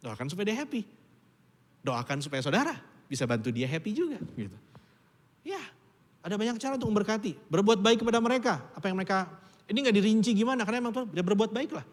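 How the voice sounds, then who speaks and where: A man's voice: big pitch swings, fast talker. Man preaching in a reverberant church hall. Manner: conversational, acts out quoted dialogue with high squeaky voices. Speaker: pastor. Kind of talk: sermon. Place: church auditorium.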